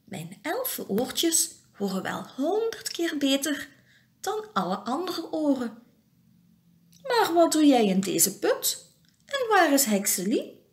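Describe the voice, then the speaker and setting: Brief: a small, mischievous storybook fairy, high and sing-song, played by a woman reading aloud. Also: wildly swooping pitch, measured pace, heavily acted. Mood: caring. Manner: bright, playful. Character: cheerful, mischievous little female fairy.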